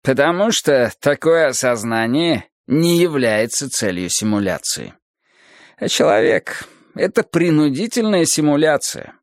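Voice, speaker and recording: A man reads in a raised voice for a calm philosopher who lectures slowly and gently on hard ideas, a little sorrowful. The voice lifts and swings widely through each line. It is read dry and close, with no room heard. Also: mid-range voice, dry recording, voice pushed up. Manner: slow, measured, lecturing. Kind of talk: audiobook character reading.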